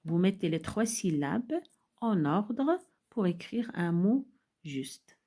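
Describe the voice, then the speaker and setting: Slow, husky-voiced teacher speaking to children. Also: female voice, fairly low pitch, animated, mellow. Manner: slow, deliberate, repeats instructions and syllables. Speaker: primary school teacher. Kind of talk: recorded reading lesson for young children.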